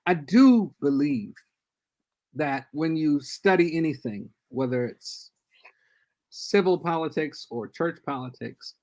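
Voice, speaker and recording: Joining a casual podcast discussion over a video call, an older man who is a guest church leader offers earnest, measured advice. His voice is medium-pitched with a darkish tone.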